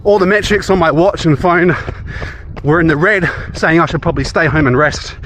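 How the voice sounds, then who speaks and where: A man's voice: a little high, normal speed, a bit bright. An Australian man chatting casually in a running vlog, recorded outdoors. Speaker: running vlogger. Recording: clear outdoor background noise.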